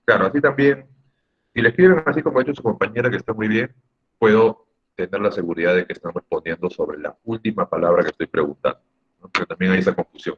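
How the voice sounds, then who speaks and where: A man's voice: low voice, slightly rough, muffled recording. A man teaching an online class, patiently explaining step by step and putting questions to the students. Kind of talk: online class on Spanish grammar. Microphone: computer mic on a video call.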